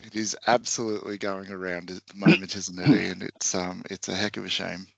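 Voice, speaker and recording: A man hosting a software webinar in a friendly, upbeat, scripted way. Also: deep voice, little pitch movement, a little fast, creaky, no room sound. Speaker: webinar host.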